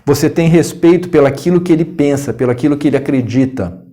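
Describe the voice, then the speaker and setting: A man with a Brazilian Portuguese accent, a coach and educator, teaches a casual video lesson on communication from a room with a scouting decor corner. His warm, fairly high voice moves fast as he adds tag questions and laughingly acts out short tones of voice.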